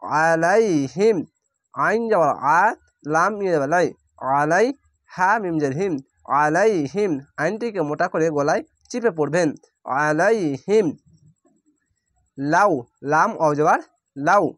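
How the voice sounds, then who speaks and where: A man teaching Quran reading, spelling out each syllable slowly and then blending it into the word. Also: sits high, fairly bright tone, no echo, clean studio sound. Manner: draws out recited words very slowly. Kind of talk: slow letter-by-letter recitation lesson.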